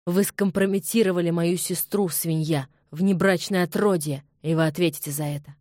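A woman voicing an enraged, protective young nobleman who shouts his contempt in a loud, forceful voice in an audiobook. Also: fairly low pitch, steady tone, moderate pace, no room sound, studio quality, close to an everyday voice. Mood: furious. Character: furious young nobleman, protective older brother.

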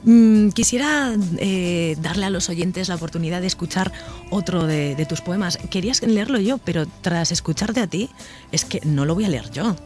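A woman hosting a radio interview, speaking in a gently coaxing, admiring way to her guest. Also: on the low side, animated, moderate pace, soft background music. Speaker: radio host.

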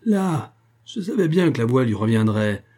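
A man's voice: medium pitch, very animated, moderate pace. A man voicing a brutal, bullying prison guard who barks threats and insults in a raised voice. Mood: snarling, bellowing. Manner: barking, threatening shouts.

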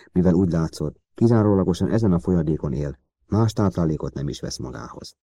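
A man reading an audiobook in a steady, even manner. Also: low voice, no room sound, studio quality. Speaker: audiobook narrator. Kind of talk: scripted audiobook narration.

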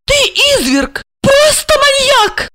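A woman voicing a frightened, accusing young wife with a shrill, tearful manner. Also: sing-song, measured pace, fairly bright tone, dry recording, clean studio sound, heavily acted. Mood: horrified shrill.

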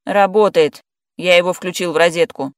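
A reader voicing a calm male friend who teases and talks matter-of-factly. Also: high-pitched, moderate pace, no room sound, studio quality, natural voice. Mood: teasing. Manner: teasing, matter-of-fact. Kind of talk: audiobook character voice.

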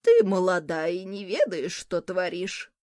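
A woman reading an audiobook, voicing a stern, suspicious old woman who grumbles slowly and disapprovingly. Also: mid-range voice, big pitch swings, a little mellow, no room sound, studio quality. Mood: grumbling. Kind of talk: audiobook character voice.

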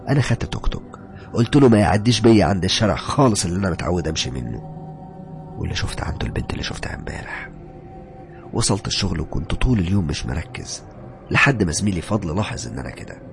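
A man with an Egyptian accent tells a horror story in a low, gravelly voice. He talks fast with lots of swing in his pitch, and soft music plays behind him. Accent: Egyptian Arabic. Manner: dramatic, hushed at tense moments. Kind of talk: first-person horror narration.

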